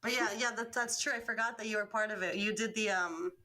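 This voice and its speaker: A woman's voice: mid-range voice, fast, sharp tone. A woman in her twenties co-hosting a casual podcast, emphatic and dramatic, swearing for effect. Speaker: podcast co-host.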